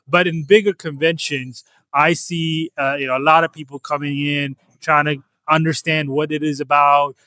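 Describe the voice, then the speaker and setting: A man's voice: fairly high pitch, pushed and bright, no echo. A man from Ethiopia, a comics publisher, answering interview questions in an earnest, casual way, often restarting phrases. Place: comic convention floor.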